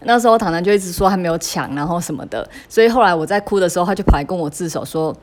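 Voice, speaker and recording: A woman in her thirties with a voice that sits a little low for a woman. She talks in a halting, confessional way, stopping and restarting, leaning on fillers as she recounts a heartfelt story about her children. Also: animated. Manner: emotional and confessional, with laughs. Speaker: mother sharing a parenting story. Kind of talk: candid personal storytelling.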